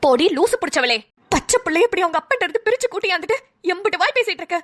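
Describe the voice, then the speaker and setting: A woman's voice: very high voice, sing-song, racing, heavily acted. A nagging old village mother, voiced by a woman. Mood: scolding. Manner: loud, nagging, dramatic. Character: scolding elderly village mother, blunt and caring. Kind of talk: cartoon voice acting.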